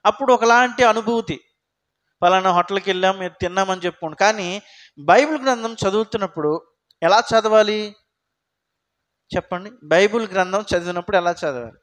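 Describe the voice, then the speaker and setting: A man with a notably high-pitched voice preaching a sermon. He keeps it conversational, pausing often to put questions to his congregation and then answering them himself. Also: fairly bright tone. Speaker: pastor.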